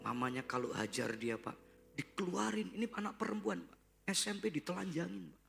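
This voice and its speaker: A male pastor preaching a sermon in a church, swinging from loud shouts to hushed whispers. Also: sits high, animated, a little fast, vocal fry. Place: church hall. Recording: live church sermon with guitar. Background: guitar music.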